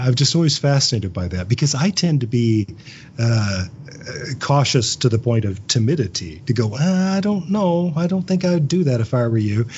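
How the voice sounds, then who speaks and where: This man, an audio drama writer and voice actor, talks through ideas in a thoughtful, conversational interview, performing imagined lines to illustrate them. His mid-range voice has a darkish tone and a breathy edge, and the recording is muffled.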